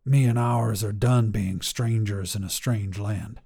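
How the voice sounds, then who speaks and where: A man's voice: fairly high pitch, animated, normal speed. A man reading a story, voicing an uneasy but determined male leader of a land heist who gives clipped, strained commands.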